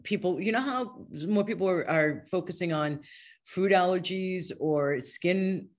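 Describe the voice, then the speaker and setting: On an online video call, a woman who is a healer and coach appears as a podcast guest, explaining ideas in an earnest, wandering, conversational way. She speaks at a measured pace in a lowish voice.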